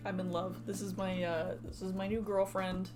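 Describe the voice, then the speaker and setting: A woman's voice: medium pitch, level tone, normal speed, darkish tone. A young woman co-hosting a casual unboxing, playful and teasing. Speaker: co-host of hobby channel. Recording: background music under voice.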